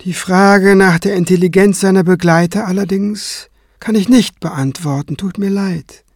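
A man doing a calm, dry-witted cleric. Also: high voice, unhurried, creaky, slightly rough, no room sound, pitched above the performer's own voice, full character voice. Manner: calm, dryly ironic.

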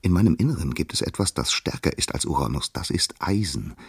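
A worried mother goddess pleading for her children, put on by a man reading aloud. The voice climbs above his own, husky and animated, close and dry. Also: low voice, fairly quick, no room sound, exaggerated voice. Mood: urging. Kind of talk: storybook narration.

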